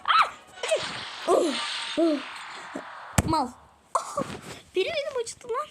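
Turkish woman, gaming host, high voice, excitable running commentary, game music loud underneath. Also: poor audio. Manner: excitable, talks to viewers, groans and exclaims at the game. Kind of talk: let's-play gameplay commentary.

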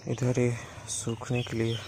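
A young adult man vlogs casually outdoors, relaxed as he shows off his village garden and explains the work. His voice is medium-pitched and a little slow, and the outdoor ambience is noisy.

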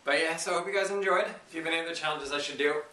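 Bright-voiced man vlogging in a roomy space. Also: on the high side, rapid-fire, a little hiss or hum. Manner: informal, self-deprecating, joking. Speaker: YouTube challenge vlogger. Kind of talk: casual chat to camera. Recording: roomy echo, distant microphone.

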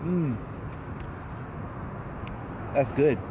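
A man tasting food for a vlog, talking with his mouth full in a slow, halting way. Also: mid-range voice, animated. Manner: slow, halting, plain commentary. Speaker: food vlogger. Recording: noisy outdoor street sound.

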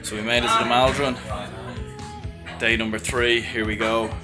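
Man, 20s, casual travel vlogger, mid-pitched everyday voice, loud music under him. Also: little pitch movement, normal speed. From Ireland. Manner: upbeat, slangy, swears casually. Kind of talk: casual vlog narration. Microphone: handheld camera at arm's length.

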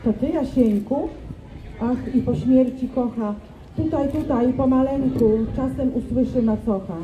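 Woman reciting as a grieving village girl, slow pleading poem recital, roomy school hall. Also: sits high, warm tone, dull audio. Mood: distraught. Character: young village girl grieving her dead lover, distraught. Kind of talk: poetry recitation.

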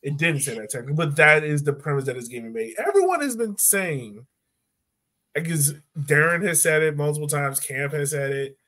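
An American man in his thirties hosts a casual sports podcast over a video call from a room at home. His fairly high voice is sharp and brisk, with lively intonation, and he's jokey and opinionated.

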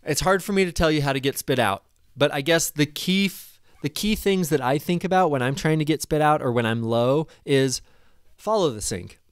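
A man in his thirties giving a casual, excited commentary over a replay of his own flight, at a desk microphone in a small room. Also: on the high side, normal speed, clear, resonant tone, dry recording, clean studio sound. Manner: enthusiastic, casual, swears when excited. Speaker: paragliding vlogger. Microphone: desk microphone in front.

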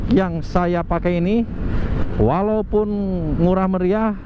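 A man's voice: high voice, steady tone, slow, muffled recording. Young male motovlogger, chatty and rambling, helmet mic, heavy road noise. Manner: chatty, thinking aloud, pious interjections. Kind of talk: casual motovlog narration while riding. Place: riding a motorbike on outdoor roads and a bridge. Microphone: cheap clip-on mic inside mask under a helmet visor. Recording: wind and traffic noise from a moving motorbike.

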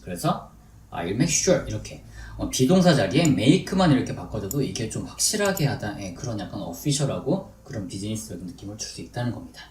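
A man teaching business English in a chatty lecture, drilling English phrases slowly and deliberately. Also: fairly low pitch, sing-song, a little mellow. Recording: echoey room, distant mic, faint noise.

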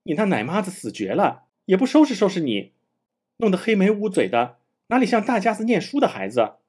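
A chiding storybook matron with a husky, sing-song lilt that rises and falls. She fusses and orders people about, as a man reads her part. The voice sits a little high for a man. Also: wildly swooping pitch, fairly quick, a little mellow, heavily acted. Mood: scolding. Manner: chiding, bossy. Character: sharp-tongued middle-aged noble lady, fussy and doting.

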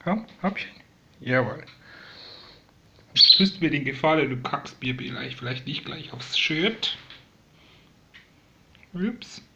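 A man talking softly and doting to a young sparrow he is raising, coaxing it and explaining to viewers in a casual home video. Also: medium pitch, a little slow, creaky, long pauses, dull audio, a little hiss or hum. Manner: coaxing, soft and doting, often dropping to a whisper. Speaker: vlogger raising a rescued sparrow. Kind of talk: casual talk to a bird and viewers. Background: sparrow chirping.

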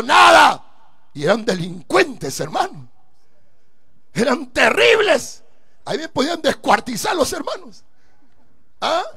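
A man preaching a fervent live sermon at a church service, breaking into emphatic shouted bursts. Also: very high voice, creaky, husky.

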